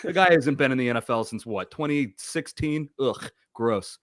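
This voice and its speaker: A man's voice: medium pitch, animated, normal speed, no room sound, clean studio sound. A man co-hosting a casual sports talk show, rambling with many restarts and fillers. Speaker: podcast co-host.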